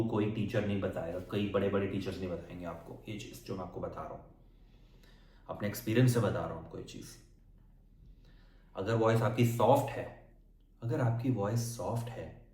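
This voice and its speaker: A male acting coach giving a casual motivational lesson, talking directly to viewers and often checking that they are following. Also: lowish voice. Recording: echoey room.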